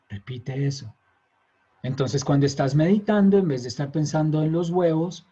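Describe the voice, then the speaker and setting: A man's voice: medium pitch, warm tone, breathy edge. A man giving a conversational lecture, often checking in with his listeners. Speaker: teacher. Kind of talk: recorded lecture. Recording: dull lo-fi lecture recording.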